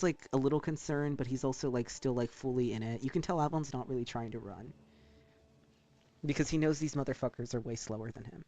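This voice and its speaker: A man talking casually and with some swearing as a streamer who draws live, rambling in an animated way. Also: medium pitch. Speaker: streamer drawing art live. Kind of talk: casual livestream chat while drawing.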